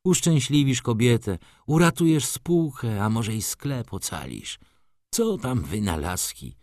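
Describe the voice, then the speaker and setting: A man reading aloud plays an excitable old shop clerk who fusses, coaxes, and chatters eagerly in a raised voice that leaps about. His mid-range voice is pitched above his own and unhurried, and the close, dry recording leaves no room sound. The mood is chattering and gossipy.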